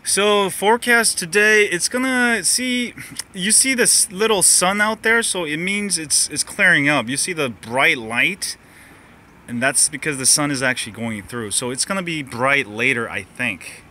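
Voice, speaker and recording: Rambling, bright-voiced male tech streamer. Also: fairly high pitch, a little slow, slight background noise. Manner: rambling, loose, full of restarts and asides. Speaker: tech live-streamer answering viewer questions. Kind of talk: casual live-stream chat. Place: walking around, partly outdoors.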